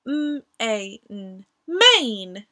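A young woman teaches phonics to small children in a high, bright voice. Her intonation is exaggerated and cartoon-like, swooping widely. She takes her time and sounds out words clearly. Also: sing-song, very slow. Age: young adult. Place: small attic bedroom at home.

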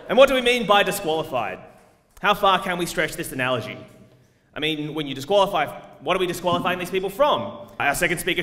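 A man's voice: sits high, fairly bright tone. A man giving a sarcastic, swearing stand-up comedy debate speech in a large hall. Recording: echoey hall, live audience.

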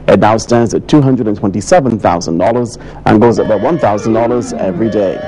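A middle-aged man hosting a lottery draw, announcing prizes in a formal, deliberate, scripted style. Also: lowish voice, a little mellow, rough recording. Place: TV studio, standing.

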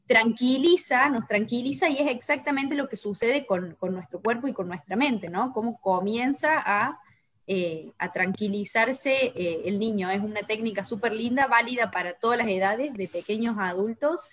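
A woman with a Chilean Spanish accent calmly explaining parenting techniques on a local talk show, with frequent hesitations. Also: on the high side, normal speed. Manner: calm, explanatory, many hesitations. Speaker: co-host. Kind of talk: casual talk show conversation.

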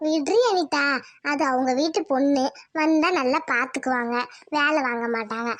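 Woman doing a caring village auntie in a cartoon, high voice, gives calm advice. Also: normal speed, close to an everyday voice. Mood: soothing. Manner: soothing, advising. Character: kindly older village neighbor woman.

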